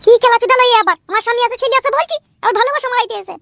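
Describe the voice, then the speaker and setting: A woman voicing an angry married village woman, a mother of three, in a comedy cartoon, shrill and foul-mouthed. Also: rapid-fire, a bit bright, dry recording. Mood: indignant.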